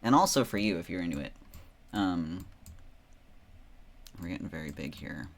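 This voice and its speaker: A man's voice: sits low, animated, moderate pace, a bit bright. A man chatting casually on a livestream in a playful, theatrical way, boasting with tongue in cheek.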